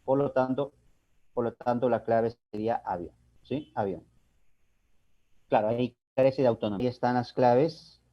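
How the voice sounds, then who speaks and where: A man's voice: mid-range voice, steady tone, moderate pace, long pauses. A man teaching a language class, explaining step by step and asking and answering his own questions. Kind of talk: recorded online class lecture. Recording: dull lo-fi recording.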